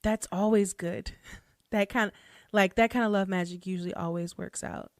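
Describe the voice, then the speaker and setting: Woman, podcast host, casual chat, mid-pitched, frequent laughter, filler-heavy, dry recording. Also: fairly even intonation, normal speed, dry recording. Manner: chatty, laughs often, many fillers and restarts. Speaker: podcast host and hoodoo practitioner. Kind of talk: casual solo podcast talk.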